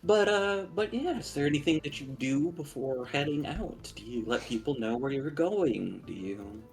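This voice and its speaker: A man running a tabletop game as game master, questioning the players in a relaxed way. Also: fairly high pitch, moderate pace. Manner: lively, asks players questions.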